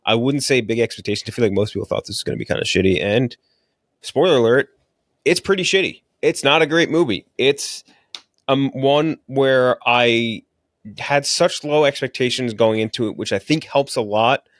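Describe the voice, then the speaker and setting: Hosting a casual movie-review podcast, a man talks about films in a frank, relaxed way. His voice sits in the mid range at a normal pace, recorded cleanly in a studio with no echo.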